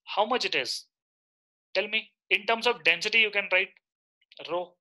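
A man's voice: high voice, moderate pace, bright, forceful tone. A man in his thirties with an Indian accent, teaching a live online lecture and often checking in with short questions.

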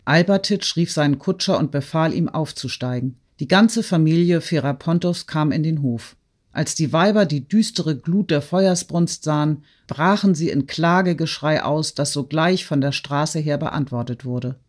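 A man reading a classic novel aloud in steady, measured audiobook narration. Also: on the high side.

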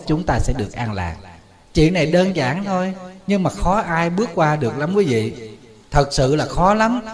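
Man, Buddhist monk, sermon, folksy questions to the audience, higher pitch. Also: darkish tone.

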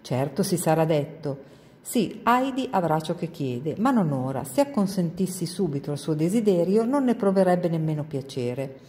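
A woman's voice: fairly low pitch, animated, moderate pace, dark tone, long reverb tail, natural voice. A woman reading aloud and voicing a kind older woman who comforts a child in a soothing, patient way. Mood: gentle.

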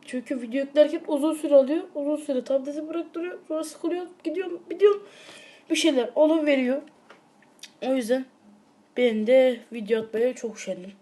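A woman giving rambling, excitable commentary on a mobile game, breaking into frustrated outbursts, recorded on a tablet microphone. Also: high-pitched, moderate pace. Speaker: mobile game let's player. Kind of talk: casual gameplay commentary. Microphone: tablet mic, screen-recorded.

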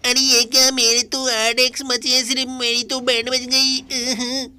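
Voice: high voice, flat delivery, moderate pace, sharp tone, clear, resonant tone, pitched above the performer's own voice. A performer voicing a cheeky, boastful little boy who grunts "ahem" between lines, in a fan-dubbed game video. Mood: teasing.

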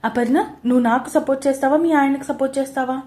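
A woman voicing Surya, a playful young husband and brother who teases in quick, loud, mock-aggrieved bursts. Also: high-pitched, steady tone, lightly acted. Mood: teasing.

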